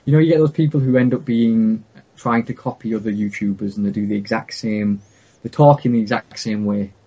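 Male, Teesside accent, husky voice, casual hesitant chat, slightly dull lo-fi recording. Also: on the low side, steady tone, brisk, warm tone. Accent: north-east English, Teesside. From north-east England, Teesside area. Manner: rambling, hesitant, often breaking off mid-sentence. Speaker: gaming video creator, interview guest.

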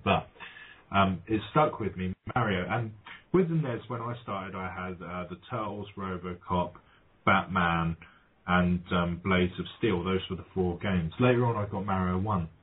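Deep-voiced man on a tinny line. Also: moderate pace. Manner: rambling, reminiscing, many ums and restarts. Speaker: podcast guest. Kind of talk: casual chat. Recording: tinny phone-like line, faint noise.

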